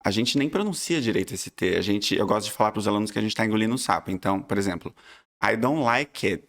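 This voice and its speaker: A man with a Brazilian accent, an English teacher, explaining pronunciation in an animated, emphatic way. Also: lowish voice, very fast. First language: Portuguese. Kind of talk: casual chat.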